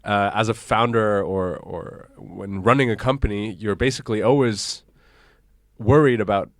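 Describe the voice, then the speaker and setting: A man's voice: lowish voice, normal speed, no echo. A man from Hong Kong, a startup founder, chatting casually as a guest in a live podcast interview.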